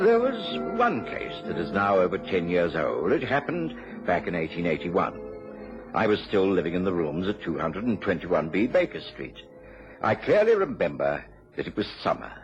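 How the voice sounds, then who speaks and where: An actor playing a genial, earnest doctor who narrates a radio drama in a gentlemanly storytelling manner. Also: male voice, sits low. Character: genial, earnest doctor chronicling his detective friend's cases. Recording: dull lo-fi radio recording. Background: music.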